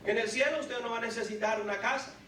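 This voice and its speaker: A man's voice: extremely high pitch, fairly even intonation, quick pace, bright, forceful tone, slight background noise. A man preaching a fervent sermon as pastor, exhorting the congregation to have faith. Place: large church hall. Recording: echoey hall, distant mic, music behind.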